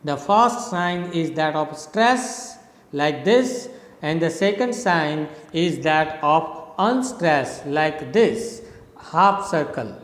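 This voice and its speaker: Slow-spoken Indian man teaching poetry. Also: on the high side, animated. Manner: patient, repeats and spells out points. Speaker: English literature lecturer. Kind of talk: slow classroom explanation. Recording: echoey room with long reverb.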